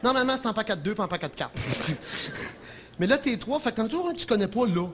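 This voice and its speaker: A man with a Quebec French accent doing an animated stand-up comedy monologue in a television studio, breaking into impressions. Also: high-pitched, fast, a little hiss or hum. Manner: animated, jumps into shouted impressions, chuckles at own jokes.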